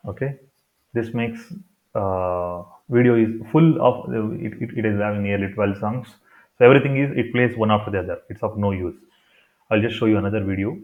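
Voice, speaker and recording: A thin, phone-like recording carries a man's fairly low voice. He speaks English with a Kannada accent from India. He walks through software steps informally, improvising and repeating himself as he explains. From Karnataka, India. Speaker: tutorial presenter. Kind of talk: unscripted step-by-step screen tutorial. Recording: thin, phone-like narrow-band sound.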